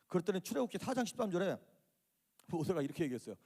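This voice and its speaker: A male pastor preaching a sermon, telling the story with lively, animated delivery and acting out the dialogue himself. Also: high-pitched, rapid-fire. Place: church sanctuary.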